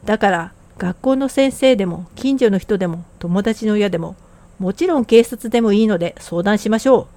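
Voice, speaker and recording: A woman's voice: mid-range voice, moderate pace, mellow, no echo. Casual blunt woman chatting on a podcast, dead dry recording, middling voice. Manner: blunt, casual plain speech. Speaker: podcast co-host.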